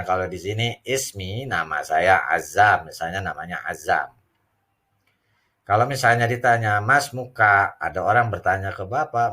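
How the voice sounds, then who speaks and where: Male teacher, very deep and unhurried, bright tone. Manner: slow, drawn-out modeling of example phrases. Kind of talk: classroom lesson explanation.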